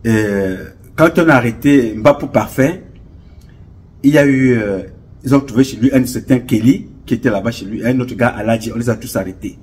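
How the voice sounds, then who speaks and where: Rambling and repeating himself, a man with a Cameroonian French accent gives an impassioned, preachy monologue as an online commentator in casual style. He talks at a moderate pace in a mid-range, darkish, slightly rough voice.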